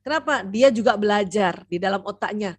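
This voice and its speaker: A woman doctor giving a seminar lecture to mothers, lively and talking straight to her audience. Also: medium pitch, a little fast, no echo. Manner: lively, acts out parent and child voices; addresses the audience directly with frequent "ya".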